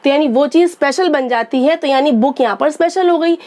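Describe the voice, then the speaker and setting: Speaking fairly quickly in a high, slightly mellow voice, a woman explains English grammar. The lesson is patient, with repeated points and questions she asks and then answers herself.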